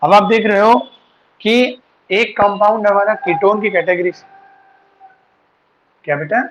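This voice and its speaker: Speaking a little slowly in a high voice with fairly even intonation, a man teaches chemistry online and patiently explains formulas, peppering them with English terms. The lo-fi recording is dull, with a noisy background.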